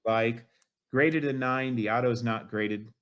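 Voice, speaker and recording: Here a man in his late fifties, a collector invited onto an interview show, rambles enthusiastically with lots of "you know". His medium-pitched voice is a bit bright, steady in tone, and delivered at normal speed in this casual chat.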